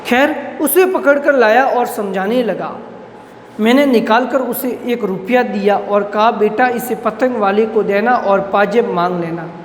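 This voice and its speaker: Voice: medium pitch, measured pace, echoey room, in a large hall, a little hiss or hum. A college teacher who reads out a Hindi story line by line and then restates each line in plain words. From Rajasthan, India.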